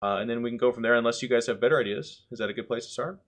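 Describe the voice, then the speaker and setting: A man's voice: mid-range voice, very fast, fairly bright tone. A man hosting a casual podcast chat, joking and rambling loosely as he introduces the talk. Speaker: podcast host.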